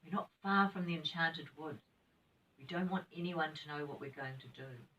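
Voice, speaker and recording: A woman's voice: low-pitched, normal speed, far from the mic, highs cut off, slight background noise, natural voice. A sweet older woman with a New Zealand accent voicing eager young storybook children who are planning a secret adventure. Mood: urging.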